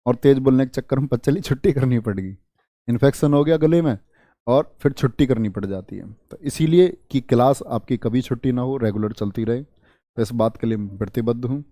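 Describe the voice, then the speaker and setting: A man teaching an exam-prep history lesson, speaking softly and drilling facts with repeated questions and memory tricks. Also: medium pitch, fairly quick, no echo. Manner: speaks softly on purpose to spare his throat; addresses students as "bhaiya". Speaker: history tutor.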